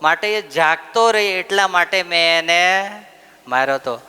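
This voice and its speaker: A woman's voice: fairly low pitch, a little slow, bright, forceful tone, clear, resonant tone, big-room sound. A male preacher voicing a female schoolteacher who earnestly explains why she punished a sleeping pupil.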